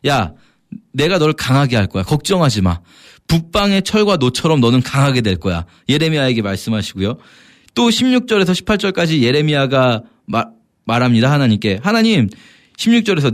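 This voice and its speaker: Animated man explaining scripture. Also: fairly high pitch. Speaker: Bible teacher. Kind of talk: radio Bible explanation.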